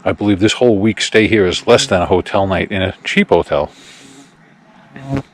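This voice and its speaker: A man talking casually to his viewers outdoors at a campsite by the campfire, relaxed and friendly as he addresses them directly. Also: sits low, normal speed. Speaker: camping vlogger. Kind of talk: casual vlog talk to camera.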